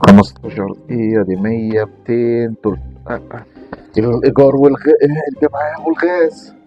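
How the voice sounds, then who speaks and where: Harried, penniless sketch dad, played by a woman, very quick and flustered, repeating pleas for quiet, music underneath. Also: very deep voice, muffled recording. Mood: dismayed, counting. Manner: flustered, hushing, repetitive. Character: Mohamed, harried broke father fending off demanding kids. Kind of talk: family comedy sketch.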